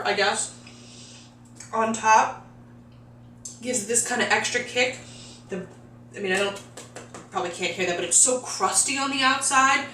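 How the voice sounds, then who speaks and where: A woman's voice: fairly high pitch, sharp tone, a little hiss or hum. A woman hosting a home cooking video, chatting enthusiastically as she walks through a recipe in her kitchen. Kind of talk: casual cooking demonstration. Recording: echoey kitchen, mic at a distance.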